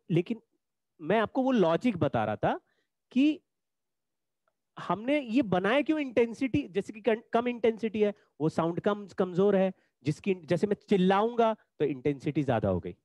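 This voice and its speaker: A man's voice: sits high, big pitch swings, moderate pace, darkish tone, dry recording. A man teaching a physics lesson in an online class, explaining patiently and repeating the key points.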